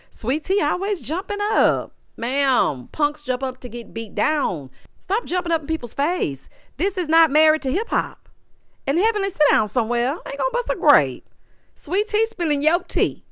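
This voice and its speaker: Woman recap host, sassy and animated, bright lively pitch, dry booth-like sound. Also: normal speed, dry recording. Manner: sassy, animated, drawling slang. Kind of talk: casual recap commentary.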